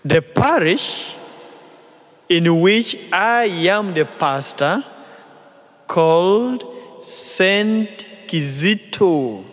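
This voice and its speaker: A man with a Ugandan accent preaches a homily in a large church, placing each short phrase slowly and deliberately. His voice sits somewhat high for a man. The sound carries a long reverb from the church hall. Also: expressive, fairly bright tone. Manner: slow, deliberate, phrase-by-phrase delivery. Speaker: visiting priest. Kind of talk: mission appeal homily at Mass.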